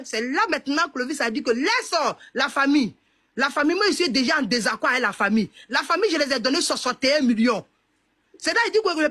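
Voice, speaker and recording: Woman, Ivorian French accent, high and very animated, emphatic, repetitive, conversational testimony. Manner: emphatic, repetitive, proverb-laden. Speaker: interviewee, family member of a deceased man.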